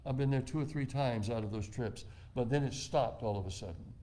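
Older pastor preaching slowly and deliberately. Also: male voice, medium pitch, mellow, slight background noise. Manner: measured, deliberate preaching with slow emphatic phrases. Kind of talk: sermon. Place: church.

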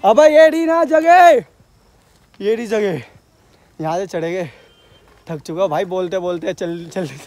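A young man vlogging outdoors while climbing a rocky hill, talking fast and joking, out of breath. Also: sits high. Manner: fast, excitable, joking banter. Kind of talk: casual outdoor vlog. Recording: outdoor phone audio with background noise.

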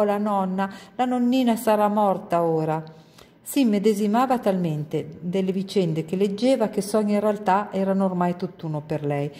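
Low, mellow woman reading aloud. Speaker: reader at a library. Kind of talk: reading a children's novel aloud.

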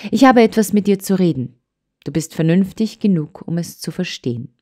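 A woman voicing a kind, earnest old grandmother in an audiobook, admonishing gently and soothingly. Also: lowish voice, expressive, moderate pace. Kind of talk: audiobook character voice.

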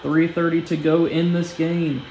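A man's voice: a little high, flat delivery, measured pace, warm tone, reverberant, rough recording. A young man giving casual play-by-play commentary over a basketball video game simulation in short clipped phrases.

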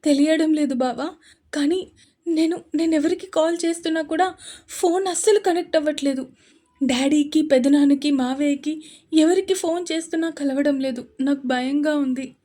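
Woman doing a scared crying girl, pleading, shaky and high. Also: normal speed, few pauses, dark tone, lightly acted. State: tearful. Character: frightened young woman, crying.

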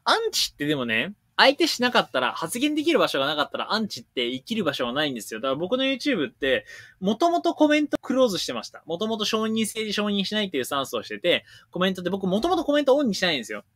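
Rapid, lively man hosting a chat Q&A. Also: sits high, no echo, studio quality. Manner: rapid-fire, animated, blunt and joking. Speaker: livestream host answering viewer questions. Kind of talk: casual livestream Q&A, reading and answering chat questions.

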